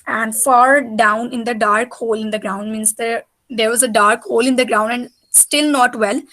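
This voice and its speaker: A woman's voice: fairly high pitch, steady tone, normal speed, sharp tone, poor audio. A woman tutoring in an informal reading lesson, explaining a story hesitantly and repetitively in simple words. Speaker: mother tutoring her child in English reading.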